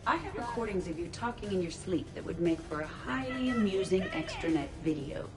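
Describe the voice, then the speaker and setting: A woman's voice: medium pitch, fairly quick, over music, lightly acted. A woman playing a polite, dryly teasing artificial intelligence in a video game, speaking formally and precisely. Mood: polite, dryly sly. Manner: formal, precise phrasing, deadpan.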